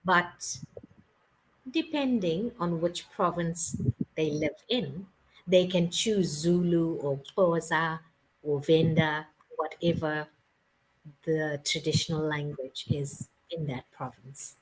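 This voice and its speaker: On a roughly recorded video call, a deep-voiced South African woman teaches English in a casual chat. She goes slowly, explaining with patience and checking that she's being understood.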